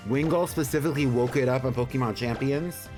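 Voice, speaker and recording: A man's voice: mid-range voice, fairly quick, darkish tone. A man hosting a casual game livestream, chatty and friendly as he greets viewers and comments on play. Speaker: live game streamer, host. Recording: music playing behind the voice.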